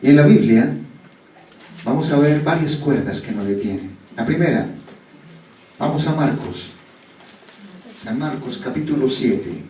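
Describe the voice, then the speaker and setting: A male preacher telling a dramatic story in a sermon, moving from hushed tones to loud ones. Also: medium pitch, expressive, measured pace, long pauses. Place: church. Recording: echoey church from a distant mic, faint background noise.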